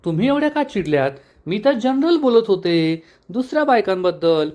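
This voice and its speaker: A man voicing a proud, quick-tempered young wife who answers back curtly. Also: high voice, very animated, darkish tone, pitched above the performer's own voice. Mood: defiant. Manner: curt, defiant.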